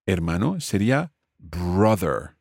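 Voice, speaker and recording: A man's voice: low voice, big pitch swings, slow pace, gravelly, a little mellow, no room sound, studio quality. A man teaching family words in English, explaining patiently and repeating each word for his student. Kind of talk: language lesson dialogue.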